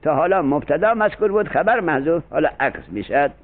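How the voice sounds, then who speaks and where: An older man teaching a seminary grammar lesson, telling stories and acting out quoted dialogue, slowing down for recited verses. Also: fairly high pitch, phone-quality sound. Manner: animated, acts out quoted dialogue, slow when reciting verses. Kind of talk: Arabic grammar lesson with storytelling.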